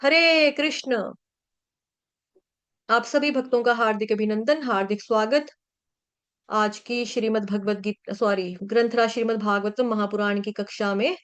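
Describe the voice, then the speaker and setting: A woman teaching a scripture class, drilling Sanskrit pronunciation by repeating syllables. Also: mid-range voice. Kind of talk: Sanskrit verse recitation lesson.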